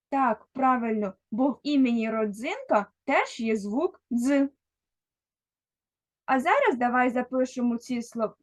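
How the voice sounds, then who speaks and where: Slow, patient woman teacher. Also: sits high. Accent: Ukrainian. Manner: slow, patient, addressing a child directly. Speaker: primary school teacher. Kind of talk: first-grade literacy lesson.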